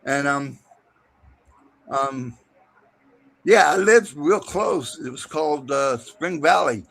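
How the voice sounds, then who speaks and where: A man's voice: a little high, slow pace, vocal fry, a bit bright. A man chatting casually in a group, talking in a rambling, insistent way. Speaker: military veteran.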